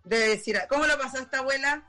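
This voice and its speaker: Teasing Chilean host woman with bright voice. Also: high voice, brisk, faint music behind. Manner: playful, teasing, short reactions. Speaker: podcast host. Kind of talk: casual chat.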